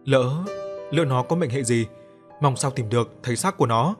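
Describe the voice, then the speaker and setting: A man's voice: mid-range voice, moderate pace, natural voice. A grieving old grandmother begs her ancestors for help, as a male storyteller puts her on. Her voice is choked and pleading in this audiobook reading. Faint music plays behind.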